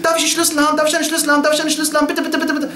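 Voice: sits high, completely flat delivery, racing, bright, forceful tone, roomy sound, voice pushed up. A man voicing a childish holy fool who begs and repeats himself in a sing-song.

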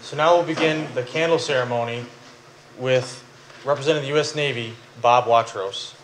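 A man acting as emcee, giving brief, measured introductions at a formal memorial ceremony. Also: medium pitch, a little hiss or hum.

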